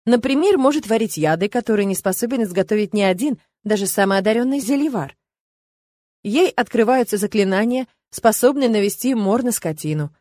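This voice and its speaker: A woman's voice: mid-range voice, animated, a little fast, darkish tone, dry recording. A young adult woman reading a first-person audiobook in a wry, conversational way. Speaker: audiobook narrator.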